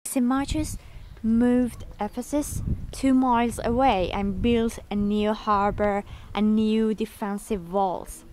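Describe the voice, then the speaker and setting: A woman from Iran gives an unhurried walking tour of ancient ruins. She talks in a chatty, curious way, measured and slow. She is recorded outdoors on a camera held at arm's length, with faint background noise. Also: medium pitch. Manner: chatty, curious, nonnative phrasing. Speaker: travel vlogger. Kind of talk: walking travel vlog tour.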